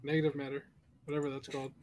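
A man's voice: mid-range voice, completely flat delivery, very fast, a crowd in the background. A man joining a stream over voice chat, teasing his friends and egging them on. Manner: teasing, eggs others on. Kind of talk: casual stream banter.

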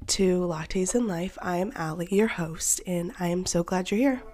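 A woman's voice: on the low side, normal speed, a little mellow, faint music behind. A young woman hosting a podcast in casual chat, slightly nasal from a cold, bubbly with whispery asides. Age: young adult. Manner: chatty, bubbly, frequent slips into whispery asides. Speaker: podcast host.

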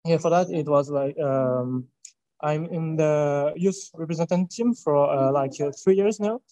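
A man in his twenties with a French accent, answering panel questions haltingly. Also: on the high side, mellow, dry recording, rough recording. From France. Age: 20s. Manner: halting, many filler sounds and restarts. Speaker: youth scout representative. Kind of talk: panel interview.

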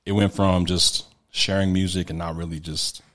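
A man's voice: low voice, flat delivery, normal speed, a bit bright, a little hiss or hum. A man who works as a DJ, speaking earnestly in a casual interview, often restarting his sentences.

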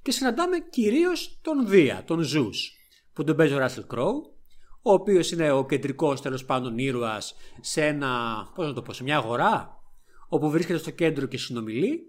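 A man with a Greek accent, co-hosting a podcast and recapping a film in a casual, animated way. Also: fairly high pitch. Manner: lively storytelling recap with frequent laughs. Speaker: podcast co-host.

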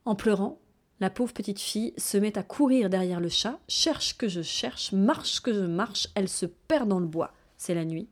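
A woman narrating a bawdy fairy tale in a lively, playful storytelling manner. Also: medium pitch, moderate pace.

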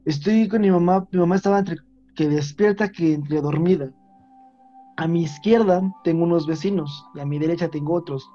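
A young man, telling a story in casual chat in a rapid, offhand way. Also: fairly high pitch, warm tone, soft background music. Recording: dull lo-fi audio.

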